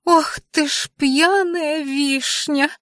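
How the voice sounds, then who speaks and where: A squealing, fussy little furry creature, as a woman reads him in an audiobook. His voice leaps high and thin, fawning and flustered by turns, with dry close sound. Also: fairly even intonation, slow, a bit bright, no room sound. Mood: alarmed. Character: fussy furry male governess-creature, excitable, shrill. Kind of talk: audiobook character voice.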